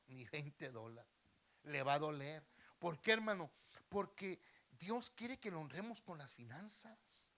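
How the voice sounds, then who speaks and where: A man's voice: a little high, fairly bright tone. A man, a pastor preaching a sermon with fervor and often addressing listeners as brother. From Mexico.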